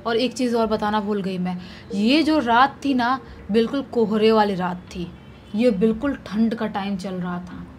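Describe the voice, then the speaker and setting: A woman retelling a spooky story in a conversational, animated way, as narrator of a horror story channel. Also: medium pitch, moderate pace, slight background noise. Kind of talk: casual spoken horror storytelling.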